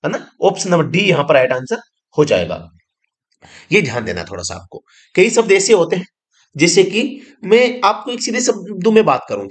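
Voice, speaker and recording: Lively-voiced male teacher. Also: a little high. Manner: explains slowly, repeats each word and meaning, asks the class questions. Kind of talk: online exam-prep grammar lesson.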